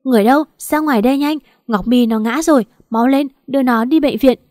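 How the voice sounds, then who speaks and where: A brisk older lady of the house, put on by a woman narrating who scolds and shouts commands. Her tone is mellow, and the recording is close and dry. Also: mid-range voice, no room sound, natural voice. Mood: alarmed.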